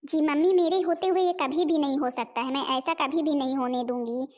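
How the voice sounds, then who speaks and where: A woman's voice: high-pitched, a little mellow, close to an everyday voice. A woman voicing a spoiled, lazy, hot-tempered young wife in a homemade cartoon. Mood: eager. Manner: defiant, quick to anger.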